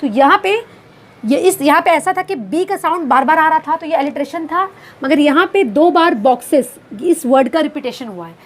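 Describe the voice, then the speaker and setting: High-voiced woman teaching a grammar lesson. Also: lively intonation. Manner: explains step by step, asks and answers her own questions; reads English examples slowly and deliberately. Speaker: English teacher.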